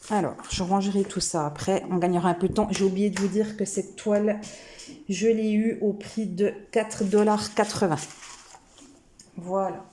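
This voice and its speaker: Warm-voiced chatty woman unboxing crafts. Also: lowish voice, a little hiss or hum. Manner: chatty and enthusiastic, thinking aloud with many hesitations. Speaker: cross-stitch craft video host. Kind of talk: casual unboxing chat to camera.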